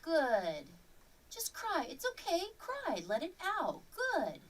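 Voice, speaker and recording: A woman's voice: high-pitched, huge pitch swings, slow, a bit bright, exaggerated voice. An actress playing a coaxing, consoling woman in a film clip.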